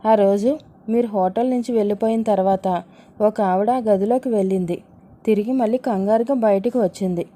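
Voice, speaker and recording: A woman's voice: mid-range voice, a little fast, warm tone, natural voice. A woman voicing a frightened young woman receptionist who pleads nervously. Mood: pleading.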